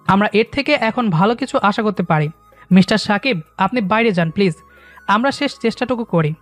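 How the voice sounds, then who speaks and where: An actor playing a seasoned hospital doctor who speaks in a measured, professional way, mixing in English phrases, in an audio drama. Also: mid-range voice, expressive, faint music behind, close to an everyday voice. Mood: reassuring.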